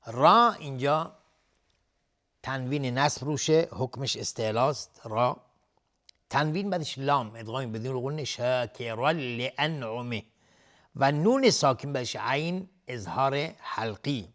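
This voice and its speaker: A middle-aged man teaching Quran recitation on television, explaining each rule step by step and reciting verses in a slow, drawn-out chant. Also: medium pitch, expressive, fairly bright tone. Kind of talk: tajweed lesson for television.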